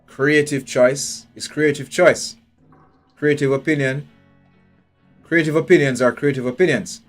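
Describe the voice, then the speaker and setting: This blunt, foul-mouthed male game streamer has a slightly high voice, steady in tone and measured in pace. Giving live gameplay commentary, he thinks out loud, nitpicks, and questions everything. He uses headphones and a desk mic, with game music faintly in the background.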